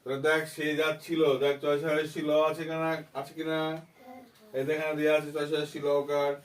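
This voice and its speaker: A man's voice: fairly high pitch, monotone, normal speed, distant mic. A man with a Bengali accent tutoring a child in English grammar, asking coaxing, repetitive questions. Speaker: teacher.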